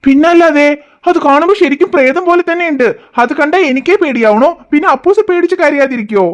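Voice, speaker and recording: A woman's voice: high voice, fast talker, dull audio, close to an everyday voice. A woman voicing a teasing, good-natured cartoon father who talks in a jokey, playfully bossy way. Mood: chiding. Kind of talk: cartoon voice acting.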